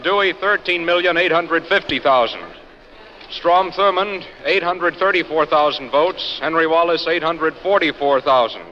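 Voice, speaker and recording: A man reading vote counts as a radio announcer, measured and formal, heard on an old 1940s radio news broadcast recording. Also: fairly high pitch. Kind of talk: reading election results on air. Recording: lo-fi old radio recording with long reverb and faint hiss.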